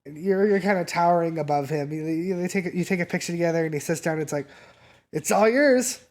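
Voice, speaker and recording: A game master narrating a tabletop game in a casual, halting way, full of fillers. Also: medium pitch, fairly even intonation, darkish tone.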